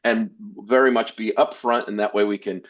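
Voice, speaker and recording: A man presenting a church-software webinar, talking earnestly with many restarts and repeated words. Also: fairly low pitch, steady tone, moderate pace, lo-fi sound. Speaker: workshop presenter.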